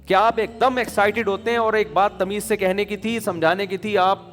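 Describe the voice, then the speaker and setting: Brief: Pakistani-accented male preacher, fairly high voice, colloquial storyteller who acts out the people he quotes, long hall reverb. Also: little pitch movement, a bit bright. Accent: Pakistani Urdu. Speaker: Islamic preacher. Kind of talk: conversational sermon with anecdotes.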